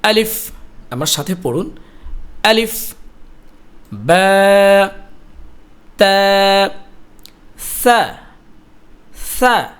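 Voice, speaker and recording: A Quran teacher giving an Arabic alphabet lesson. The teacher pronounces each letter slowly and repeats it, patiently explains where the tongue and teeth go, and asks listeners to repeat. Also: mid-range voice, fairly bright tone.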